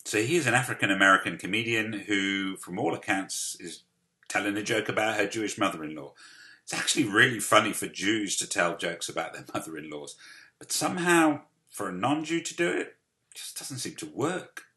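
A man hosting a segment and commenting on comedy clips, measured and with frequent filler pauses. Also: lowish voice, expressive, sharp tone. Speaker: show host and commentator.

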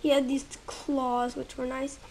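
A woman with a high, slightly mellow voice and a flat delivery casually reviews toys at home. She halts to search for words and occasionally nearly whispers while handling pieces, filmed on a close handheld camera.

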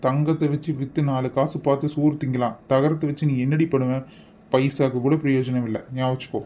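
A man's voice: medium pitch, fairly even intonation, fairly quick, warm tone, slight background noise, natural voice. A man voicing an obsessive male kidnapper in a cartoon, who talks in a wheedling, possessive way, scolding and then pleading. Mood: insistent. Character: obsessive male kidnapper pressing a married woman to wed him. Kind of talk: animated cartoon voice acting.

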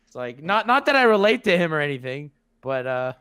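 Higher-voiced man, teasing sarcastic host. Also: big pitch swings, a little fast, a bit bright, clean tone. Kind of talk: casual chat.

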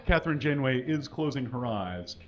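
Brisk and lively in intonation, a man with a mid-range voice performs fan fiction as a comic dramatic reading, mock-serious and exaggerated, voicing mistakes and punctuation as he goes. He's on a small curtained stage at a stand mic, a live audience present, with crowd noise audible and the highs cut off.

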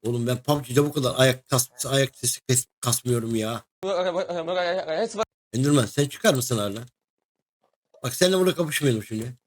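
A young man narrates his gameplay in a loose, chatty way. He is excitable and keeps calling out to the creatures he fights and to his co-player, in a mid-range voice. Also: mid-range voice, normal speed, pauses often. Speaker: gaming video host. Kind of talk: casual let's-play commentary.

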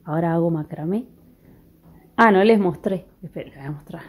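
A young woman vlogs casually from her rural house, her voice low and weak from illness, often half-whispering and cooing at dogs. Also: a little fast, a little mellow, breathy edge. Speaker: vlogger. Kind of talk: casual vlog narration. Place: rural house, partly outdoors.

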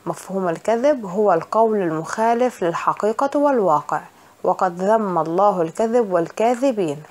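A woman teacher reads through a school lesson, stating each definition and answer plainly. Her pitch sits in the middle of the usual range, and her delivery is steady and explanatory. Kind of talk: reading a religion lesson aloud.

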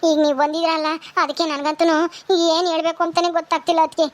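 A woman's voice: extremely high pitch, level tone, fast talker. A woman voicing a tearful, emotional young village mother. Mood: hurt. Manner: tearful, pleading, heartfelt.

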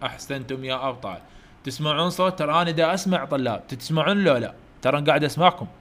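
A man with an Iraqi Arabic accent, teaching English letters to children online, coaxing loud repetition and heaping praise. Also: fairly high pitch, very fast. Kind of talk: online letter-drill lesson.

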